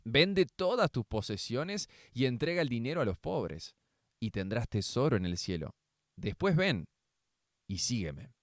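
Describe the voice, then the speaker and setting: A man voicing Jesus as a calm, authoritative male teacher, speaking gravely and in a measured way. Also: mid-range voice, no echo, studio quality. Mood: solemn teaching.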